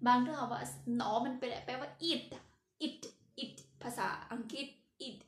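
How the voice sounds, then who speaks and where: A woman's voice: high voice, fairly even intonation, moderate pace, echoey room. A woman with a Lao accent teaching a casual language lesson, chatty and laughing at her own slips.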